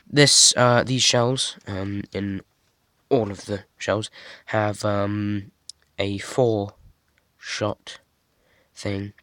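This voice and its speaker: A young man casually showing off a toy model he built, talking in a monotone with many fillers and restarts. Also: fairly low pitch, extremely slow, no echo, clean studio sound. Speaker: hobby builder showing a model. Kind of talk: casual show-and-tell.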